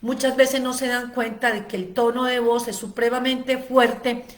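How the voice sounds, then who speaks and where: A woman's voice: fairly high pitch, flat delivery, a little slow. A woman giving a spoken lecture on ADHD, explaining at length with frequent "eh" fillers and long lists. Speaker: ADHD educator giving a seminar.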